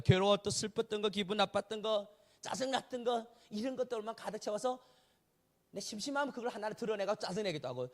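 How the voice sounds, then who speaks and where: A male pastor delivering a sermon in a conversational way, often asking the congregation rhetorical questions. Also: high-pitched. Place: church sanctuary.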